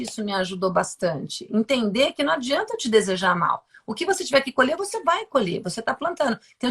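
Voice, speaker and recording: A woman's voice: fairly high pitch, fairly bright tone, slightly rough. A Brazilian woman speaking candidly and emphatically about her own life as a guest on a live stream, with many fillers and repeated words. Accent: Brazilian Portuguese. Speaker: guest neuroscientist. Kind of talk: personal testimony in a live stream.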